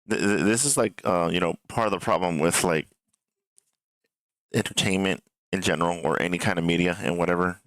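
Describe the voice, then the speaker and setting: A man's voice: low voice, fairly bright tone, dry recording. A man giving casual, rambling streamer commentary in a hesitant, repetitive way, with casual swearing. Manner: hesitant, repetitive, meandering delivery. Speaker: streamer reacting to gaming news.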